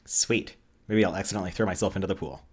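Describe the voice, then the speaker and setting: A man's voice: low-pitched, fast talker, husky. A man playing in a tabletop game, joking in a dry way. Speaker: player.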